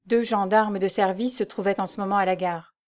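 A woman's voice: medium pitch, fairly even intonation, brisk. Woman narrating a suspenseful novel. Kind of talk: dramatic audiobook narration.

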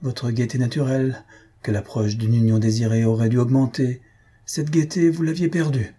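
A man doing a soft-spoken, husky young woman. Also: medium pitch, fairly even intonation, moderate pace, lightly acted. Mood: gentle. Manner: speaks softly. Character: young woman, gentle, composed, self-sacrificing.

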